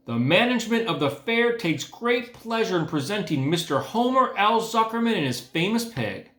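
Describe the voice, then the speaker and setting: A man voicing a pompous fairground loudspeaker announcer from a storybook, grand and ceremonial in delivery. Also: high-pitched, sing-song, moderate pace, pitched above the performer's own voice. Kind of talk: storybook character voice in a read-aloud. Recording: echoey room.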